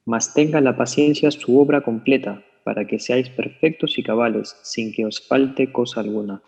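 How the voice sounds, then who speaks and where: A man reading a scripture passage aloud in a steady, formal way. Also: mid-range voice, normal speed, gravelly, slightly rough, dull audio.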